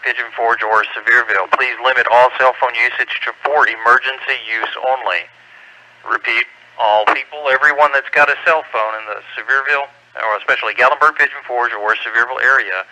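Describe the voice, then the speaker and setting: A man's voice: medium pitch, bright, forceful tone, poor audio. An American man working as an amateur radio net controller, giving terse, procedural emergency updates in clipped phrases over a two-way radio. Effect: two-way radio transmission. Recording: amateur radio transmission, dry.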